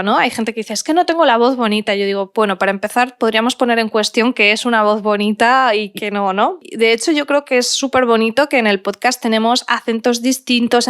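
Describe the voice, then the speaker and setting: Woman, smooth clear voice, slightly high, casual interview, thoughtful, fillers. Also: a bit bright. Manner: thoughtful, hedging with fillers and tags. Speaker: podcast guest, podcast consultant.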